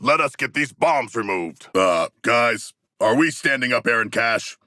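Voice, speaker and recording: An actor playing a proud, eloquent humanoid shark warrior in a video game, with a gravelly, husky voice and stilted, grandiose formal diction. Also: male voice, mid-range voice, animated, a little slow, bright, forceful tone, no room sound, clean studio sound. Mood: measured, lofty. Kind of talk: theatrical video game voice lines.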